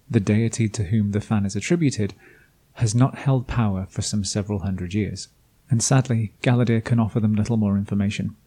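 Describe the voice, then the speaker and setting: A man's voice: fairly low pitch, warm tone, slightly rough. A man reading a scripted recap of a tabletop campaign as game master, with dry, self-deprecating asides. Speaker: game master and podcast host.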